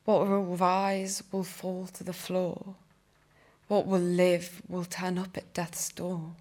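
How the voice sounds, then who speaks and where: A young woman, a poet, reading her own poems aloud in a cathedral with slow, measured delivery. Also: fairly low pitch, monotone, a little mellow. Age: young adult. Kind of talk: poetry reading.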